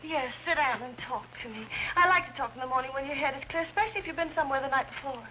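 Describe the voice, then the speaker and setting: Actress doing a ditzy rich girl in old screwball comedy banter, super fast and high, gushy and bossy. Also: lightly acted. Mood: gushing. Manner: screwball comedy banter, chattering in rambling non sequiturs. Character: scatterbrained young socialite heiress, gushing and bossy. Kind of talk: 1930s film screwball comedy acting. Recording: muffled, noisy old film soundtrack.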